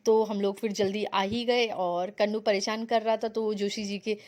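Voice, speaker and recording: A woman's voice: mid-range voice, flat delivery, normal speed, a little mellow. A young woman from India narrating her family vlog in a chatty, rambling way, mixing in English words. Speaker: vlogger.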